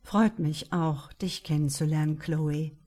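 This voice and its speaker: A woman reading an audiobook, voicing a reserved, cool male author in a lower, measured voice. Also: steady tone, dark tone.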